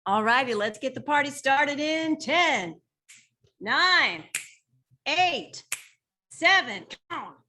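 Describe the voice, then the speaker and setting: A woman's voice: fairly high pitch, fairly bright tone, a little hiss or hum. A woman hosting an online membership meeting over a video call, upbeat and cheerful as she welcomes everyone. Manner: upbeat, cheerful emcee, counting down. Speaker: board president hosting meeting.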